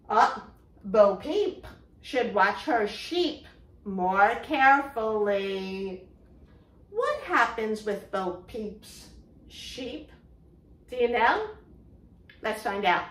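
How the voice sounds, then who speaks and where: Slow, encouraging woman teaching rhymes. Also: a little high, fairly bright tone. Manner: slow, encouraging, prompts listeners to repeat words. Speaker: children's reading teacher. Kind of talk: read-aloud rhyming lesson for young children. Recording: echoey room, voice from a distance.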